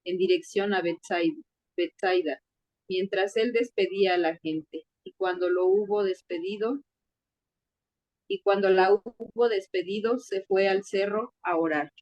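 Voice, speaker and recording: A woman reads a scripture passage aloud at a steady pace, fixing a slip here and there. The sound is muffled and lo-fi. There is no room echo. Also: medium pitch. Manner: steady, measured reading with small self-corrections. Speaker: scripture reader.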